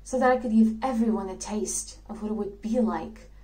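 A woman's voice: mid-range voice, normal speed, lightly acted, poor audio. A woman playing a dreamy idealistic actress. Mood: excited. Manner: earnest storytelling with soft laughs. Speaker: actress performing a monologue. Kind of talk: theatrical monologue.

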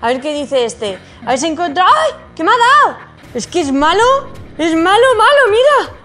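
A woman with a Spain Spanish accent narrates her gameplay to viewers in an excitable, exclamatory way. Her voice is very high. Faint game music plays in the background. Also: normal speed. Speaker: gaming streamer.

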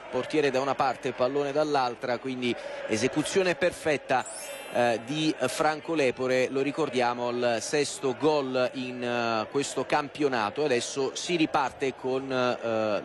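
A man calls a football match live as the play-by-play commentator. His voice sits at a medium pitch, and clear stadium noise runs behind him. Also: a little slow. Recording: live broadcast over loud stadium noise. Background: outdoor stadium ambience.

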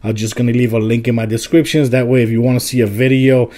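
A male tech video host walks viewers through a phone app in a casual, informal tutorial, explaining each step plainly as if giving a tour. His mid-pitched, somewhat mellow voice holds a steady tone at a quick pace.

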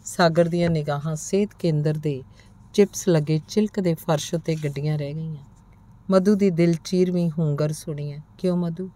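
A woman's voice: deep voice, steady tone, moderate pace, dark tone. A woman narrating a short story as an audiobook, reading steadily and lifting her voice a little for the characters' dialogue.

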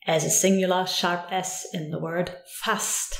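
A German woman with a German accent teaches pronunciation, unhurried and patient. Her low voice has a gravelly edge. The room gives it a roomy echo. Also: little pitch movement. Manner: patient, clear, modelling words slowly. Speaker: language teacher. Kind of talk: pronunciation lesson.

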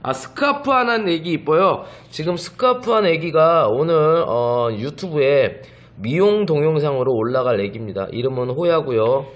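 A young man hosting a casual live stream from a puppy showroom, chatting with viewers and shouting at the dogs now and then. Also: fairly high pitch, expressive, normal speed.

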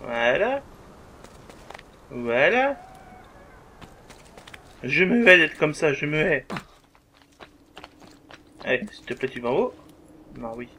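A man's voice: a little high, very animated, slow pace, pauses often, pushed and bright, a little hiss or hum. A man with a swearing, joking manner, giving a let's play commentary and talking back to the game. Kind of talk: gameplay commentary.

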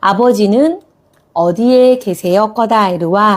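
A woman's voice: medium pitch, moderate pace. A woman teaching a Korean language lesson, speaking patiently and encouragingly as she models example sentences.

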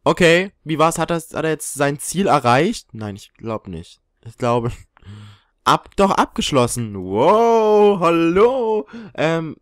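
A man's voice: on the high side, expressive, measured pace, fairly bright tone, no room sound, studio quality. A young man giving casual, joking commentary while playing a life-simulation game, often teasing the characters. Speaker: let's play host.

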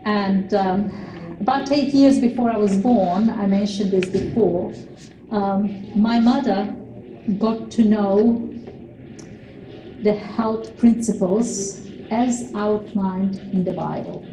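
Older woman from Serbia, slow and earnest class presenter, mellow tone, recorded from far back in a roomy hall. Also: medium pitch, a little hiss or hum. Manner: slow, earnest, with frequent pauses. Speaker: cooking demonstrator. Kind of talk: informal talk to a class. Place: large plain hall with kitchen tables.

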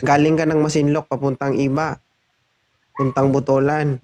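A man's voice: mid-range voice, flat delivery, moderate pace. A man hosting a casual street interview, teasing and joking with frequent laughs. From Zambales. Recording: loud background noise.

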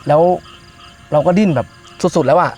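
A man's voice: a little high, normal speed, a little mellow, a little hiss or hum. A man recounting his own ghost experience in casual speech, often repeating words and phrases for emphasis. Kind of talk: casual spoken ghost storytelling. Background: music under the talk.

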